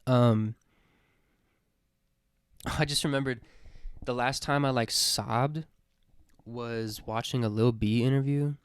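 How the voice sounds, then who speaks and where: A man's voice: mid-range voice, steady tone, takes it slowly, long pauses, clean tone. A man musing aloud in a casual, sincere monologue, hesitant and full of fillers, swearing now and then. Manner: rambling, hesitant, many fillers and restarts. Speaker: vlogger answering his own question list.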